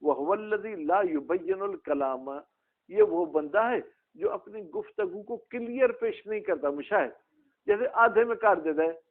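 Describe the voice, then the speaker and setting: A man's voice: high voice, big pitch swings, moderate pace, creaky. A male religious teacher giving a classroom lesson, asking his students questions by name. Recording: tinny phone-like sound.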